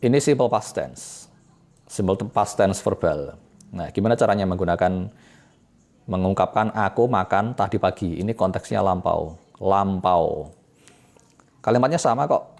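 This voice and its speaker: Gravelly, chatty man teaching English. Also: sits low, a little slow, pauses often. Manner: relaxed, chatty explaining with fillers and self-corrections. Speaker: English tutor. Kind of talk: casual self-taught English lesson.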